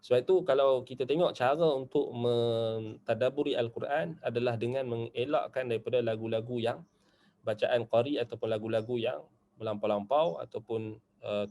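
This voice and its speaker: A man's voice: mid-range voice, a little mellow. A man with a Malaysian Malay accent teaching a religious class in a loose, conversational way, dotting his points with short asides and checks for agreement. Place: Islamic study centre classroom.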